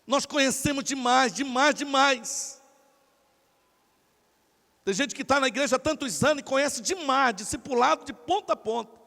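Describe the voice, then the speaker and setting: A male pastor with a Brazilian accent preaching a sermon in an animated, theatrical way, acting out the people he quotes. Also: extremely high pitch, moderate pace, vocal fry, long pauses. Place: church. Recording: church hall reverb.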